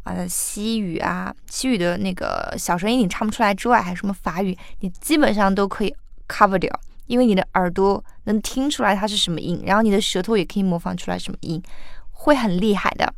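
A woman's voice: mid-range voice, creaky, no room sound, studio quality. A woman teaching how to sing a song, patiently breaking lines apart and explaining the sounds. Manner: patient, sings example lines slowly then explains. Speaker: singing teacher. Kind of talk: song pronunciation lesson.

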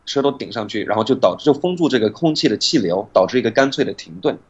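A man, a guest teacher, patiently explains pronunciation and slowly demonstrates sounds in an interview. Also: mid-range voice, expressive, breathy edge, dull audio.

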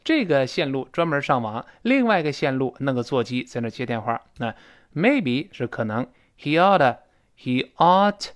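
A man's voice: medium pitch, sing-song. Man teaching spoken English, chatty. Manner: explains pronunciation and repeats words slowly in English; chatty, with little asides and soft laughs.

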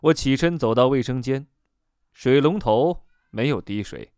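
Dramatic male narrator with a lively, dry read. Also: mid-range voice, measured pace, clear, resonant tone, dry recording. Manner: dramatic, dropping to a hush on suspense. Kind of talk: scripted first-person horror narration.

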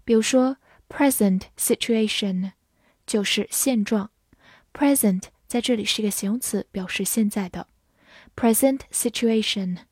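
A woman teaching English vocabulary, spelling words letter by letter and reading example sentences slowly. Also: medium pitch, a little mellow, breathy edge, no room sound, studio quality.

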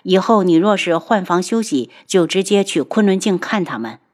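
A woman voicing a young noble lady who speaks calmly and firmly. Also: lowish voice, normal speed.

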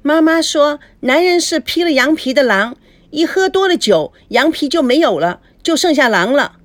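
A woman puts on a sassy little girl's voice for a storybook, pitched high and bouncing all over the place. The girl sounds pert and teasing, and the recording is close and dry. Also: lively intonation, normal speed, dry recording. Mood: tattling. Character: cheeky, sharp-tongued little girl.

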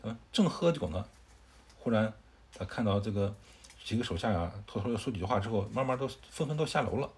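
A man with a fairly low voice retells a classic tale to a child in a relaxed, conversational manner. He stops to explain things in asides and fills pauses with "er". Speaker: storyteller. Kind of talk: casual storytelling to a child.

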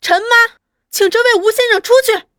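A woman's voice: very high voice, steady tone, normal speed, dry recording, clean studio sound, pitched above the performer's own voice. A woman voicing a wary young woman who answers in a stern, clipped way in an audiobook spy story. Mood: sharp commanding. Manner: stern, clipped, rising to sharp commands. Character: sharp, wary young woman standing her ground.

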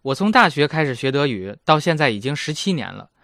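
A man's voice: a little high, very animated, brisk, music in the background. A man in his thirties hosting a casual language lesson, chatty and self-mocking. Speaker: German language teacher and host.

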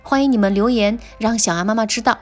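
Woman storyteller for children, gentle clear bedtime reading, light pitch, soft music bed. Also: quick pace.

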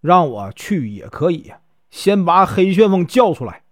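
An upright, stern officer from a told story, voiced by a man. He speaks plainly and firmly, with pitch that moves a lot. The recording is close and dry. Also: big pitch swings, normal speed, dry recording. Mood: indignant. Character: Zhu Tong, proud upright male army officer.

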